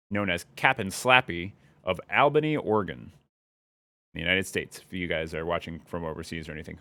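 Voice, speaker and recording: A young man chatting casually on a live stream, rambling and thinking out loud as he follows his curiosity. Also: lowish voice, dry recording.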